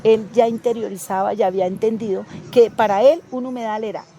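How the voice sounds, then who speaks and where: A woman's voice: a little high, fairly quick, a little hiss or hum. A middle-aged Colombian woman, a community leader, telling stories in an interview and acting out the dialogue. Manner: animated, acts out quoted dialogue. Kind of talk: interview storytelling.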